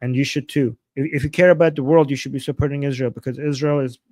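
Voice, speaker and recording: A man's voice: medium pitch, fairly even intonation, quick pace, a little mellow, no echo. A man from Iran with an Iranian accent, hosting a live political reaction stream in an argumentative, insistent way, repeating points and asking rhetorical questions. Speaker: livestream host.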